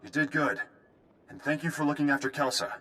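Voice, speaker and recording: In a video game, an actor voices a gruff prison station officer bound by duty, delivering brisk military briefings. His male voice sits on the high side and sounds pushed and bright. He comes across as brisk and businesslike.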